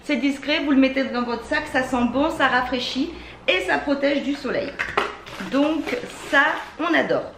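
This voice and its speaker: A woman with a French accent chats her way through a beauty haul with easy enthusiasm and lots of little fillers. Her voice sits a little high. The room sounds echoey, with a faint hum of ambient noise behind her. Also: expressive, measured pace. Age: adult with children. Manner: chatty, enthusiastic, many fillers. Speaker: beauty vlogger. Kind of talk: casual product haul.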